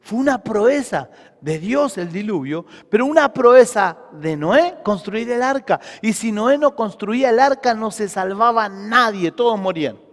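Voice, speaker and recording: A man's voice: high-pitched, lively intonation, unhurried, long reverb tail. A man preaching a sermon as pastor, with a Rioplatense Spanish accent, emphatic and full of rhetorical questions.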